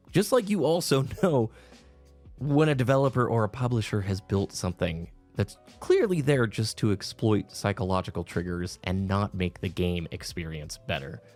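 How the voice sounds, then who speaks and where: Low-voiced man over music, earnest commentary. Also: darkish tone. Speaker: video game commentator. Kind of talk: earnest opinion commentary to viewers. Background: background music.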